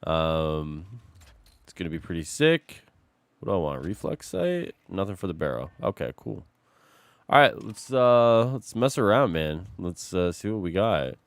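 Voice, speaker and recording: A man's voice: deep voice, expressive, measured pace, clear, resonant tone, no echo. Sick-sounding man streaming a game. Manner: loose and chatty, greeting and answering chat while playing. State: sick, slightly rough voice. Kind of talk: casual live-stream chat.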